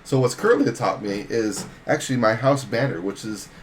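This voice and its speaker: A man voicing a slow-thinking centaur adventurer who rambles in a halting, earnest, formal way, recorded in a noisy room. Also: mid-range voice, crowd noise, natural voice. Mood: earnest, rambling.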